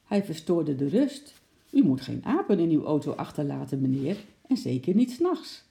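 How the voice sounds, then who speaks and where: A cross village policeman in a read-aloud storybook, scolding sternly, as a narrator plays him. The voice is gravelly and dark. It stays close to the narrator's own. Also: mid-range voice, very animated, normal speed. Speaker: storybook character.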